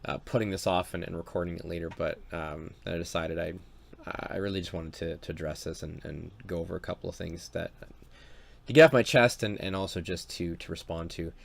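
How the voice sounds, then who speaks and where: A man's voice: deep voice, flat delivery, a little fast, gravelly. A man from Ontario, a dungeon master with a stuffy voice from a cold, talking to camera in a hesitant, earnest way. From Ontario, Canada. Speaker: dungeon master and video maker. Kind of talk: casual talk to camera.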